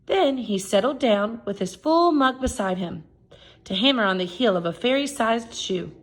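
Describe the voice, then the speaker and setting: A woman reading a children's storybook aloud in expressive narration. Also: fairly high pitch, moderate pace. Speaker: storybook reader.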